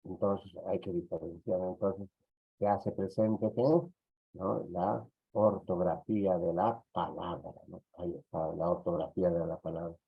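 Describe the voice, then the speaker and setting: A Peruvian man gives a slow, lower-pitched lecture in an online class, checking in over and over with little tag questions. The audio comes through a computer mic on a video call, and it sounds dull and lo-fi. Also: level tone, vocal fry, husky. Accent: Peruvian Spanish. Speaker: teacher.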